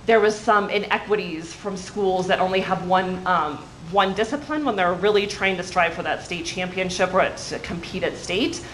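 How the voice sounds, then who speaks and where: A woman's voice: fairly low pitch, moderate pace, hardly any pauses, fairly bright tone, a little hiss or hum, rough recording. A woman giving an informative, friendly presentation to a room of coaches and athletic directors, recorded by a camera at the back of the room. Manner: friendly, informative, with frequent ums. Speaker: state athletic association staff presenter. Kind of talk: meeting presentation. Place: large meeting room with seated audience. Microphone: far camera at back of room.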